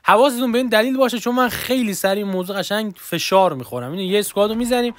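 A young man streaming a mobile shooter, chatting excitedly to his viewers as he plays. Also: sits high. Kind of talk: live gameplay commentary.

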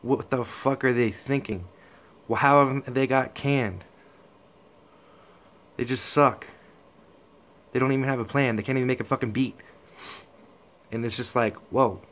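A man's voice: mid-range voice, a bit bright. Man doing a profane taunting freestyle. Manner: loose, half-spoken delivery without rhymes. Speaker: freestyle rapper. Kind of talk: freestyle rap.

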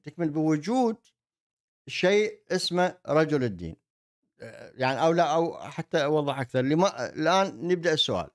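A man explains ideas in a monologue, haltingly, often repeating himself as he searches for words. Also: fairly high pitch. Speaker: host, commentator. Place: indoor desk setup with virtual backdrop. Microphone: desk microphone on an arm.

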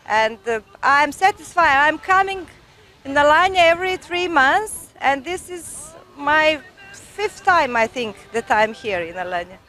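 High-voiced Serbian woman on a beach. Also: sing-song, bright, forceful tone. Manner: halting, searching for English words with many fillers. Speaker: tourist interviewed on the beach. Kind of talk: street interview. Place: sunny beach outdoors. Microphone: handheld reporter mic.

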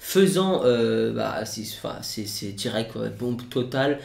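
Excitable gaming YouTuber man, roomy sound. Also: mid-range voice, a little slow, gravelly. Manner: excitable, repeats words over and over. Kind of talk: casual gaming news vlog. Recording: roomy echo.

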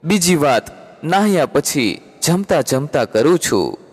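A man voicing a humble, hardworking male rickshaw puller in an audiobook story, speaking modestly and calmly. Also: a little high, unhurried, breathy edge, exaggerated voice. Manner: modest, calm. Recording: long hall reverb.

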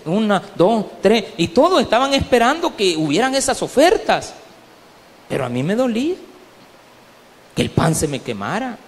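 High-voiced Salvadoran pastor preaching in a hall. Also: male voice. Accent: Salvadoran Spanish. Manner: storytelling preacher, acts out voices and swings from low asides to loud pleading. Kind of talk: sermon. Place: church hall. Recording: long reverb of a church hall.

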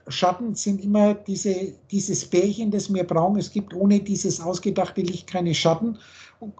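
A man's voice: high voice, dark tone. A man lecturing on a video call and explaining the meaning of words letter by letter, in the manner of a spiritual teacher. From Germany.

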